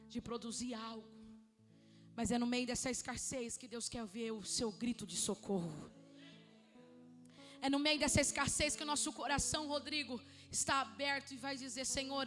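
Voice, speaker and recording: A woman pastor with a Brazilian Portuguese accent preaching a Pentecostal sermon, swinging between fervent shouts and hushed, intimate speech and calling out listeners by name. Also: a little high, long reverb tail.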